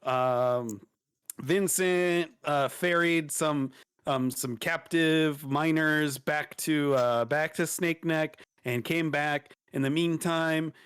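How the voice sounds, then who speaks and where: A man casually recapping a tabletop game as a player, rambling and filling gaps. His voice sits a touch high, and the sound is dry and close. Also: slow, a bit bright, clear, resonant tone, no room sound. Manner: rambling, with many fillers and laughs.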